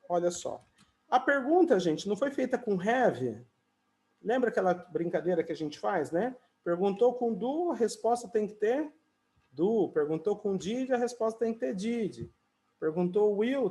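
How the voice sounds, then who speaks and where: A man from Brazil teaching English in an online conversation class. He talks in a chatty way, fills his pauses with "né" and "ó", and sings or draws out his English example sentences. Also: high voice, warm tone.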